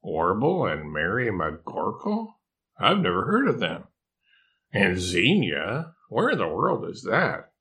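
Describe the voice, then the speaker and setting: An older man voicing a mischievous female bearded dragon who keeps a falsely calm, concerned tone in a storybook. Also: on the low side, slow, full character voice. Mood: mock concern. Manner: feigned calm, teasing, deadpan concern.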